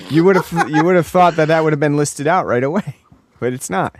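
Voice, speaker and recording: A man's voice: on the high side, normal speed, dry recording, clean studio sound. A man co-hosting a podcast, chatting casually about a film, rambling with many restarts and fillers. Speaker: podcast co-host.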